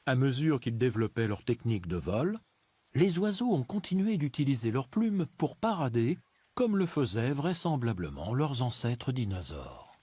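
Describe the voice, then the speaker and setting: Expressive male nature documentary narrator, lively pitch. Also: normal speed, slightly rough. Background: music bed behind the voice.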